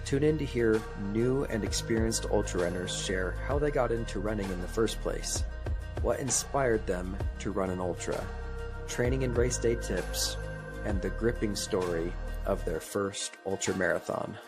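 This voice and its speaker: A man's voice: on the low side, normal speed, over music. A male podcast host who reads an ad with enthusiasm and chats with a guest in a casual, upbeat way. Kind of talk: podcast interview and ad read.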